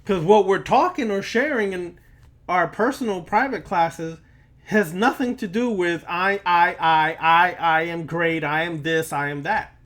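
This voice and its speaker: An occult lecturer and teacher gives an impromptu, sermon-like lecture to camera, preachy and admonishing as he addresses the listener directly. He repeats words and phrases for emphasis. His voice is high-pitched and fairly bright, and he speaks a little slowly.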